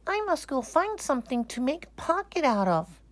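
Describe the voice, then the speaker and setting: A woman voicing a gentle, wondering, childlike male toy bear from a storybook, with wide-eyed, dreamy delivery. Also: sits high, sing-song, normal speed, dry recording, pitched above the performer's own voice. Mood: puzzled, determined.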